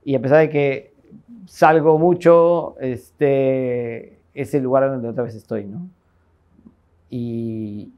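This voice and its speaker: A reflective Peruvian man in his forties talks at an even, unhurried mid pitch. He muses aloud, filling pauses and ending thoughts with a questioning tag, seated in an office. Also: muffled recording. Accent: Peruvian Spanish, Lima. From Lima, Peru. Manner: thoughtful, many fillers and "¿no?" tags. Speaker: architect interviewee. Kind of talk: reflective interview monologue. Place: office with bookshelves, indoors.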